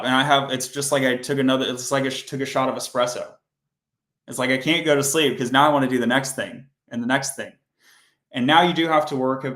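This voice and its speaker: A man runs a coding livestream, chatting casually and rambling as he corrects himself, his voice hoarse and fading. His mid-range voice sounds a bit bright, and the recording is reverberant.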